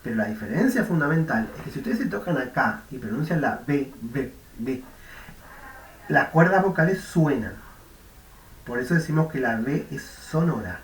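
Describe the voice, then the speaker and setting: A man's voice: fairly high pitch, fairly bright tone, distant mic. A man with a Rioplatense Spanish accent giving a university lecture, explaining step by step, demonstrating sounds aloud and often checking that his students follow. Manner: explanatory, checks understanding with "¿m?" and "¿de acuerdo?". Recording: echoey room, voice off-mic.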